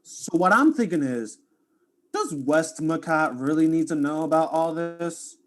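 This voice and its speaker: A man's voice: on the high side, expressive, a little slow. An actor playing a laid-back young male video streamer in a student audio drama, talking in casual slang.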